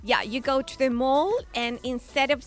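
A woman's voice: high-pitched, a little slow, soft background music. Friendly woman radio co-host. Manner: friendly, asks questions, short replies, mixes Spanish and English. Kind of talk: casual bilingual radio chat. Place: radio studio.

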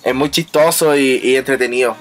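A young man with a Chilean Spanish accent telling stories in a casual podcast chat, animated, with lots of laughing and playful voice imitations. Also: medium pitch, a little fast, faint music behind. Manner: animated storytelling, mimics voices and laughs often. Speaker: podcast host.

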